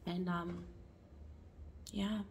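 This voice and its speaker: A woman with a sore throat reacting to ghost stories in a soft late-night chat. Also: fairly low pitch, fairly even intonation, extremely slow, slight background noise. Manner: soft, drifting into whispers. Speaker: reaction vlogger.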